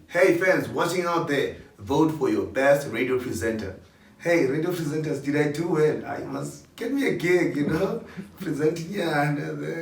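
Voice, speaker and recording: A man presenting award nominees in a countdown with an upbeat, hype-style pep talk. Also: medium pitch. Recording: roomy, distant mic.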